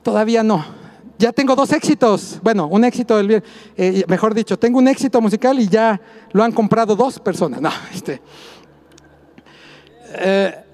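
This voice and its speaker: A man, a pastor, preaching a sermon to his congregation, mixing jokey asides with repeated shouted emphasis. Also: sits high, fairly quick.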